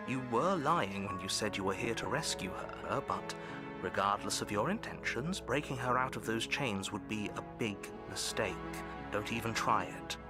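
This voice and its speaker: An actor playing a stern, disapproving storybook narrator in a video game, measured and theatrical. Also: male voice, lowish voice, expressive, natural voice. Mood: stern warning. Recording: loud game music behind the voice.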